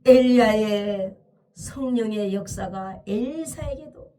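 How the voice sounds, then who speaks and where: A woman's voice: medium pitch, takes it slowly, mellow, distant mic. A woman preacher telling a scripture story as a dramatic, emphatic sermon, often crying out hallelujah.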